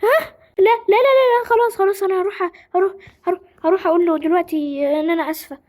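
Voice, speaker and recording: A woman's voice: very high voice, steady tone, racing, a little mellow, voice pushed up. A young woman with an Egyptian accent voicing an emotional, apologetic teenage girl in a doll-game drama. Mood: pleading.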